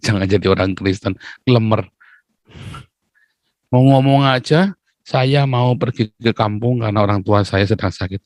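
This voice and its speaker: A man preaching a sermon in a lively, joking way, often calling his listeners brothers and sisters. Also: lowish voice, unhurried, long pauses, dry recording.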